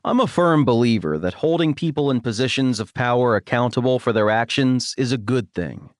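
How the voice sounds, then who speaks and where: A man narrating a first-person romance audiobook in a wry, expressive storytelling manner on a studio microphone. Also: medium pitch, fairly quick, dry recording.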